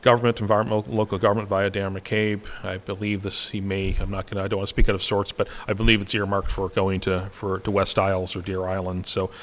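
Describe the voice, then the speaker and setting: A man's voice: deep voice, completely flat delivery, fast, hardly any pauses, fairly bright tone. A man from the municipal staff reporting to a council meeting, hesitant and full of fillers. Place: council chamber.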